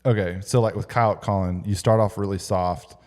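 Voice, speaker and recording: A man co-hosting a casual chat, asking curious questions and tossing in jokes and quick interjections. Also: on the low side, steady tone, darkish tone, long reverb tail. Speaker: podcast co-host asking questions.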